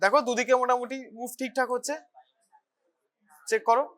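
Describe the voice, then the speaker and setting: A clinical teacher speaking quickly and briskly at a bedside demonstration. The voice sits at a middle pitch and moves along at a fast clip, giving short step-by-step instructions to students. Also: steady tone, a bit bright. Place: hospital teaching ward.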